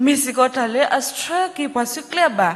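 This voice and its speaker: A woman's voice: high-pitched, expressive, fast talker. Woman preaching in a reverberant church. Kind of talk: sermon.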